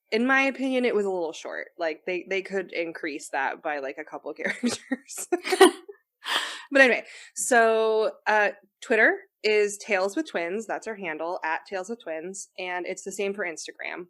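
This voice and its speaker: A woman's voice: medium pitch, a bit bright. A young woman co-hosting a podcast in casual chat, rambling with lots of fillers and frequent giggles. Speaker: podcast co-host.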